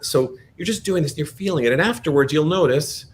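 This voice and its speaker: Man guiding an exercise over rumbly noise. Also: brisk. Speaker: breathwork and intuition teacher. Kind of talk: guided exercise instruction. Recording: noisy background with low rumble.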